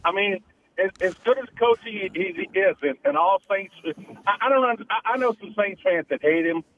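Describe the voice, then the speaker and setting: A man calling in to a radio show over the phone, talking in a halting way with many stammered restarts. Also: sits high, animated, slight background noise. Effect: heard over the phone line. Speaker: radio caller. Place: on his porch. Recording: tinny phone line.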